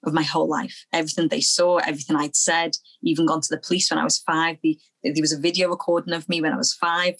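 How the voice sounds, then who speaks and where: A young woman from Liverpool, speaking as an interview guest, earnest and halting, often repeating phrases as she recalls her past. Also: low voice, level tone, fairly bright tone, rough recording. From Liverpool, England. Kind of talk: personal testimony in an interview.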